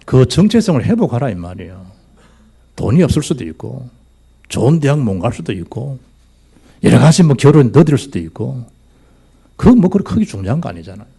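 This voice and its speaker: Animated pastor preaching. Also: male voice, medium pitch, fairly quick, vocal fry, long pauses, slightly rough. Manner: swings from loud exclamations to near-whispers. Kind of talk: sermon. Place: church sanctuary.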